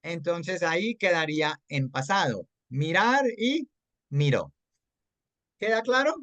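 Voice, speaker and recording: A Colombian-accented English teacher giving an online grammar class at an unhurried pace, patient and checking understanding often. English words are dropped into the Spanish explanation. The recording is dry and close. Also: medium pitch, very animated, a bit bright, dry recording.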